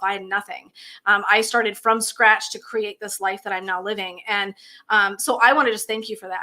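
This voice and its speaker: A woman's voice: mid-range voice, pushed and bright. A woman hosting a live video stream, chatting in a bubbly, effusive way. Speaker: host.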